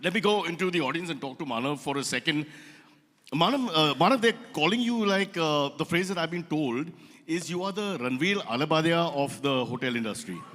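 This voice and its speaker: Indian male comic host, bright higher voice, teasing live roast banter, echoey hall. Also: lively intonation. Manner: teasing rapid banter with crowd asides. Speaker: comedian host. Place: event hall stage. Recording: reverberant event hall.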